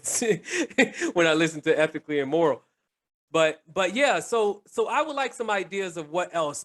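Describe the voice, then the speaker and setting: A man co-hosting a casual podcast chat, halting and repeating words, laughing often. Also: on the high side, a bit bright. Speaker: podcast co-host.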